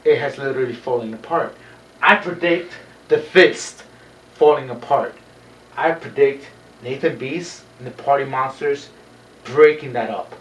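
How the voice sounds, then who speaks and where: A man's voice: mid-range voice, unhurried, lo-fi sound. A man co-hosting a wrestling show, brash and boastful, dropping Spanish phrases into his talk. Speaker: wrestler and co-host. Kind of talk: boastful wrestling promo chat. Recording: echoey room, distant mic, faint noise.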